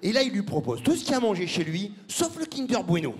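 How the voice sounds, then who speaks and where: A man doing a stand-up style comic monologue, mocking and laughing, breaking into squeaky put-on voices. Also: big pitch swings, fast, a little mellow. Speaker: stand-up comedian.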